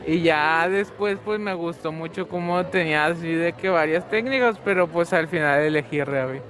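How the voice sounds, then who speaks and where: High-voiced teen guy, rambly and animated, lots of "pues" and "o sea", outside at school. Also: normal speed. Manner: chatty, many fillers, animated storytelling. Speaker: student interviewee. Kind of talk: casual chat.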